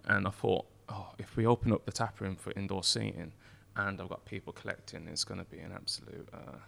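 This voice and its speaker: A British man with a croaky, fry-heavy voice left rough by a night of drinking. His tone is fairly low but bright and cutting, and he chats casually, often breaking off and restarting, in an echoey unit with uneven mic distance. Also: fairly quick. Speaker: brewer, interview guest. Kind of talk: casual chat. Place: brewery tap room, indoors.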